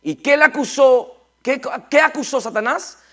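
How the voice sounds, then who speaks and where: A man preaching a sermon. He is animated, repeats words and asks rhetorical questions. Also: very high-pitched, normal speed.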